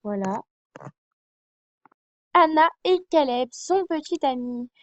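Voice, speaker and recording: A woman's voice: high voice, animated, slow, no echo. Young woman, casual fan vlog, hesitant, many fillers, dry close sound, dull lo-fi recording. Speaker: fan vlogger.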